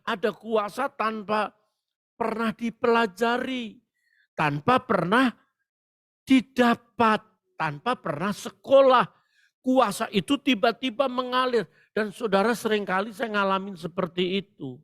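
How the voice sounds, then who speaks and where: With a voice that sits high and a measured pace, a man preaches a Pentecostal sermon. His storytelling is highly animated, punctuated by shouted proclamations.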